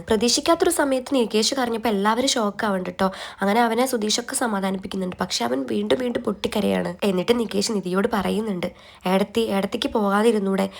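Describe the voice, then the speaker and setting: A woman tells a serial's latest episode in quick, chatty storytelling. Her voice sits at a middle pitch, and she keeps a brisk, conversational flow, tagging lines with a friendly particle. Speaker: serial recap vlogger. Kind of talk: casual serial episode recap.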